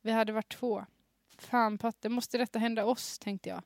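A woman's voice: a little high, steady tone, creaky, no echo, clean studio sound. A young adult woman hosting a podcast, reading aloud a story she wrote as a teenager and stifling giggles as she goes. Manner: reads with suppressed giggles. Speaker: podcast host. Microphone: studio microphone with headphones.

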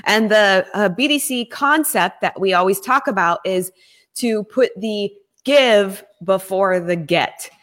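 Earnest woman co-host making a pitch. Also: slow, fairly bright tone. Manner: earnest, persuasive, sales-minded. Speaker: podcast co-host. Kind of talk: casual promotional chat.

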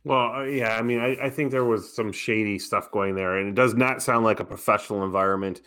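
A man's voice: fairly low pitch, fairly even intonation, fairly quick, fairly bright tone. A man co-hosting a podcast, talking in a casual chat with dry, skeptical teasing. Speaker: podcast co-host.

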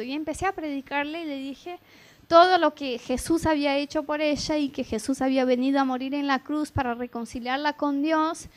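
A young woman, giving a testimony sermon and acting out the dialogue as she tells the story. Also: high voice.

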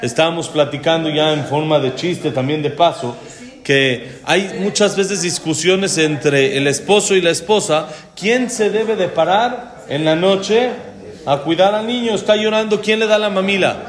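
A man, giving a religious lecture as a rabbi, who explains verses slowly, translates them and adds touches of humor. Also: fairly high pitch. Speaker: rabbi teaching a class.

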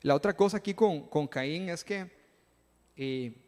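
A man's voice: on the high side, unhurried, darkish tone, long reverb tail. A man giving a casual, conversational sermon in a church, acting out Bible figures in slang. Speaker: preacher. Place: church hall.

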